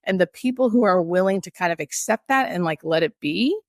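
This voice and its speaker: A woman with a slightly low-pitched voice, recorded close and dry. She explains things as a hospice nurse being interviewed, earnest and emphatic, often repeating a key phrase for stress. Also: expressive, a little fast, no echo.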